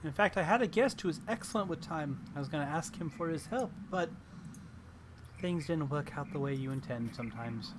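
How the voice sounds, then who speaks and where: A man's voice: on the high side, animated, brisk, natural voice. A man voicing an erratic old female frog hag who jumps between topics with sugary politeness. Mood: scheming. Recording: noisy stream audio.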